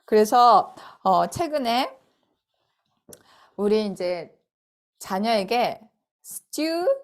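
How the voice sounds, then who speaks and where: A middle-aged woman teaching a phonics lesson in a casual spoken style, explaining slowly and repeating sounds out loud to model them. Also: mid-range voice, lively intonation.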